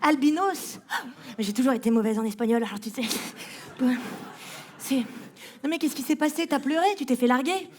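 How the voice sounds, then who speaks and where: High-voiced woman doing stand-up. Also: moderate pace, long pauses. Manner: playful, teasing, mangles words on purpose. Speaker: comedian. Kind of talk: stand-up comedy, talking to a spectator. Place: comedy festival stage.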